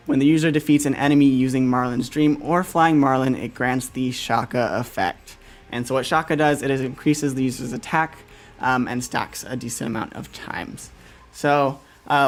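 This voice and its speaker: A man hosting a casual game livestream, upbeat and quick to laugh, with lots of fillers as he walks through weapon stats. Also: mid-range voice. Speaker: livestream host.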